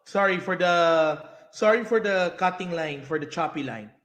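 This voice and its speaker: A Filipino man speaks high, with a ready, apologetic laugh. His voice arrives over a bad internet link that makes it choppy and robotic. The room around him rings with echo. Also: expressive, normal speed, fairly bright tone. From Philippines. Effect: choppy, robotic bad internet connection. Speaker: host. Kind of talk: online interview. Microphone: video call. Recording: echoey room over a breaking-up call.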